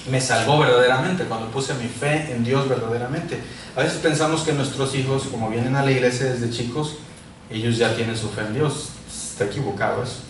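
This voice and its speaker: Echoey preacher, animated. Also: male voice, medium pitch. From Mexico. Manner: animated, swings from shouting to quiet asides. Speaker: pastor. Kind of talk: sermon with personal testimony. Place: large echoey church hall. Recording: echoey church hall, mic far off, faint noise.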